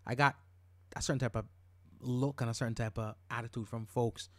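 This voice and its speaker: A man's voice: medium pitch, fairly even intonation, a little fast, a bit bright, no echo. A middle-aged man from Jamaica hosting a podcast, talking in an emphatic, casual monologue and repeating words when worked up. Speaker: podcast host.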